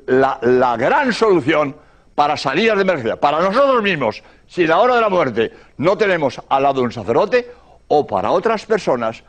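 Older priest with lively high voice. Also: male voice. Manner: lively storytelling, repeats prayers softly. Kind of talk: radio-style sermon talk.

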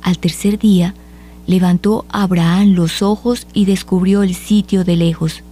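Female liturgical reader, mellow dark tone, steady solemn delivery. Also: on the low side, slightly rough. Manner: measured, solemn reading. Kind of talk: liturgical scripture reading.

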